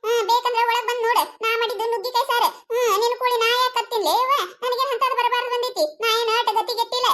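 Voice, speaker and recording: A woman's voice: very high voice, flat delivery, fast talker, few pauses, a bit bright. A woman voicing a sly village neighbour in a cartoon comedy, teasing and protesting her innocence in a North Karnataka accent. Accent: North Karnataka Kannada.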